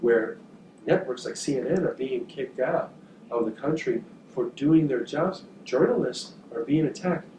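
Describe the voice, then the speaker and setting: This man from northern New Jersey, medium in pitch, gives a talk to journalism students, stopping and restarting thoughtfully, with lots of fillers and repetitions. The sound is echoey and distant, with noise in the background.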